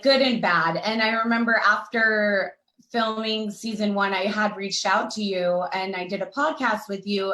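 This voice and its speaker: A woman's voice: medium pitch, a bit bright, reverberant, poor audio. A woman speaking on an online recovery panel, chatty and rambling with lots of fillers. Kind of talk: casual panel conversation.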